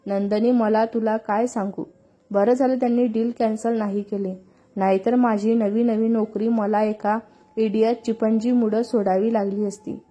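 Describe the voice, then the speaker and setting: A hot-tempered young woman, sharp-tongued and irritated, firing back at everyone, as a female narrator plays her. Her voice is fairly high, husky and soft-toned, read as a storybook character. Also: flat delivery, moderate pace, muffled recording, lightly acted. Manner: irritated, snapping.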